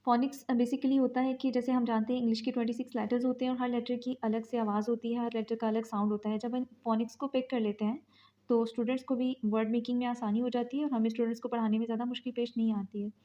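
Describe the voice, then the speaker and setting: A woman with a fairly high, mellow voice gives a phonics lesson, slowly sounding out each letter and its example words. The recording is dull and lo-fi. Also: level tone. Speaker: teacher.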